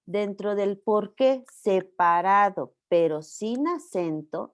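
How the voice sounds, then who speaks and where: Woman, Mexican accent, university teacher, online lecture, patient explaining. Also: fairly low pitch. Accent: Mexican Spanish. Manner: patient, explains step by step with checks like "¿vale?".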